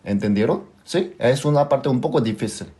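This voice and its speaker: A Korean-accented man with a dark, mid-range voice speaks at a moderate pace while explaining a language lesson in a live class. Patient with his students, he repeats examples and keeps asking if they're following.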